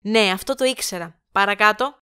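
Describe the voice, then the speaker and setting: An actress playing a sick, impatient young woman who is sarcastic and quick-tempered. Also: mid-range voice, sharp tone, smooth, natural voice. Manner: snappy and sarcastic.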